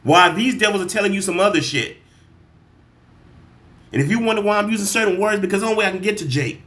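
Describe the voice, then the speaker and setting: A man hosting a reaction video, irritated and profane, talking straight at his viewers and stopping to read scripture slowly. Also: high-pitched, expressive, a bit bright. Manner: reads scripture slowly and deliberately. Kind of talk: heated commentary on a played clip.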